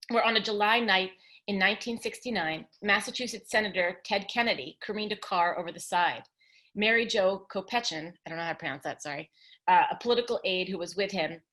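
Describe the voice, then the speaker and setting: A woman's voice: mid-range voice, a bit bright. Woman reading her nonfiction book aloud. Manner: measured literary reading with brief casual asides. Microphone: video call.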